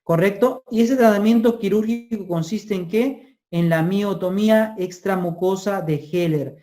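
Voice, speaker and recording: A medical exam-prep lecturer with a medium-pitched, warm voice speaks unhurriedly in a recorded lecture. Key terms are drilled through repetition, and lines are tagged with "ya?" and "ojo" to keep checking in with listeners.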